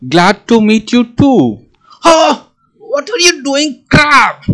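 A man's voice: very high voice, big pitch swings, takes it slowly, fairly bright tone, heavily acted, rough recording. A man playing a crying schoolboy bully. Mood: pleading, pained. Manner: pleading, whimpering. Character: young schoolboy bully, tearful and sorry. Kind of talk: school puppet show voice acting.

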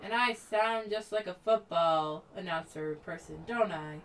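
A woman's voice: on the low side, measured pace, far from the mic, very noisy. A young woman hosting a let's play, chatting through her gameplay in a bubbly, giggly way over game music. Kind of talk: casual gameplay commentary. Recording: game music loud behind voice.

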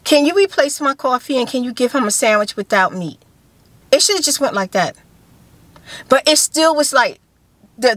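Animated fifty-year-old woman, dry car sound. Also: fairly high pitch, dry recording. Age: 50s. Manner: animated storytelling with hand gestures and repeated phrases. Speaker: vlogger. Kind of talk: casual chat to camera. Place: parked car interior. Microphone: phone camera held close.

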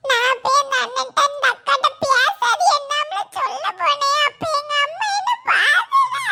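A voice actor playing a chatty little village girl who fears her mother, with a Kanyakumari Tamil accent and an excitable, half-crying manner. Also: extremely high pitch, full character voice. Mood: scared.

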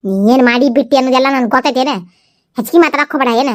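A resentful young mother, played by a woman, scolds in a high voice and a North Karnataka Kannada accent. Her lines come as steady, accusing jabs. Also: racing, natural voice. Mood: scolding. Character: angry young mother Lakshmi, bitter and scolding.

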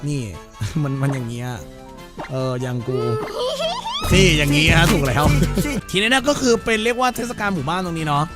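Rowdy game streamer guy, high voice that jumps all over, goofy voices for characters. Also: very animated, normal speed, over loud music. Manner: rowdy, crude joking, acts out game characters in silly voices. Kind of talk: let's-play commentary.

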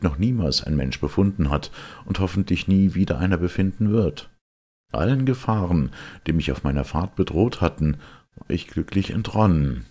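A man's voice: deep voice, a little mellow, voice pushed up. A man voicing an agitated time traveller. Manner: raised, urgent and insistent delivery. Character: agitated male time traveller, gloomy and excitable. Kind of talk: audiobook character reading.

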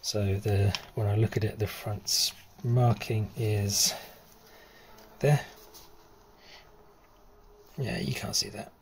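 A middle-aged man talking casually while he rebuilds a car engine outdoors, thinking aloud with pauses and fillers. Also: fairly low pitch, steady tone, gravelly, slight background noise. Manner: thinking aloud, stop-start explaining with fillers. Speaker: DIY car mechanic. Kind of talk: casual workshop explanation. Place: outdoor driveway.

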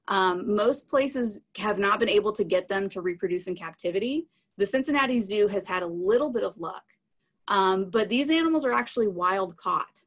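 On a video call from a small room at home, a woman with a husky, mid-range voice presents live animals as a science educator. She speaks plainly, explaining things simply to children in an informal live talk that takes audience questions, using a computer mic.

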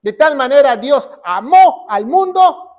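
A man preaching a sermon as a pastor. He asks questions, answers them himself, repeats key phrases and rises to shouts. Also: very high voice, expressive, unhurried.

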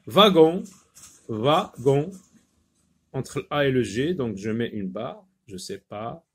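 A man teaching French phonics, repeating each word slowly with many hesitations. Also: medium pitch, expressive, darkish tone, slightly rough. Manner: slow, repeats words, many filler hesitations. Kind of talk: slow phonics lesson.

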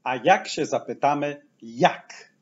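A man teaching a language lesson, patiently explaining and saying each example phrase slowly twice. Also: on the high side, lo-fi sound. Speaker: English teacher.

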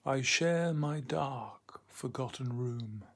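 A man reading verse in a breathy, husky voice, often dropping to a near whisper. He takes it very slowly, leaving long pauses between lines. His pitch sits in the middle of the range. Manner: hushed, half-whispered delivery; slow, deliberate phrasing with long pauses. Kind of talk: poetry recitation.

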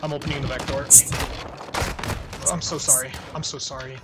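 A man playing a shooter game with friends, making quick tactical callouts and swearing now and then. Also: medium pitch, flat delivery, over loud music. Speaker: teammate. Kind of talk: casual gaming callouts. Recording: gunfire from the game behind.

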